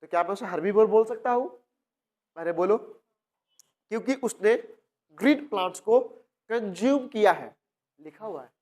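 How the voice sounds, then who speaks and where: A man's voice: high-pitched, animated, moderate pace, long pauses, darkish tone. A male biology teacher from India, speaking. He lectures a coaching class, asks questions, answers them himself and repeats key terms. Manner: addresses students as "बच्चा".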